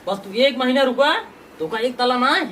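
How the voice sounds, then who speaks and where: A woman's voice: high voice, normal speed, close to an everyday voice. A woman playing a patient young village husband who soothes and pleads in an Awadhi accent, in a comedy sketch. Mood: pleading. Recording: noisy homemade recording.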